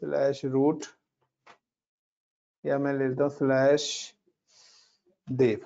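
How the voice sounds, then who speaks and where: Here a Linux instructor speaks in a dark, mid-range voice with vocal fry, completely flat and extremely slow. Despite that, he's chatty, leading students step by step through commands in a casual screen-share class and mixing in English words. The audio is a dull lo-fi recording.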